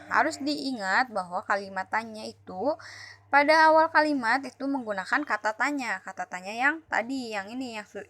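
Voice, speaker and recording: Woman teacher, slightly high bright voice, explains slowly and patiently, restarts words a lot. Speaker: elementary school teacher. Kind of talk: recorded lesson explanation.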